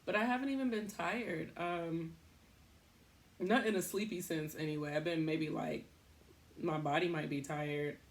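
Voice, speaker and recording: A young woman hosting a podcast, talking in a casual, rambling way, thinking out loud and laughing at herself. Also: low voice, fairly even intonation, measured pace. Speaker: podcast host.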